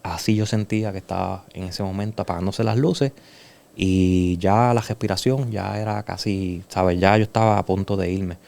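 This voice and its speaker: Gravelly Puerto Rican man telling his story. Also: sits low, steady tone. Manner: earnest, emotional storytelling, soft and slow in heavy moments. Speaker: podcast guest. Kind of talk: personal testimony in a conversation.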